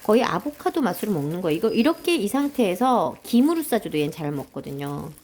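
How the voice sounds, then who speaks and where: A woman talks to herself as she cooks, in a casual, unscripted home-vlog style. Her pitch moves up and down a lot around a medium register, while the delivery stays unhurried and hesitant, as if thinking aloud. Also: sing-song, a little mellow. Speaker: home cooking vlogger. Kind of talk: casual solo chat while cooking. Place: at home while preparing food.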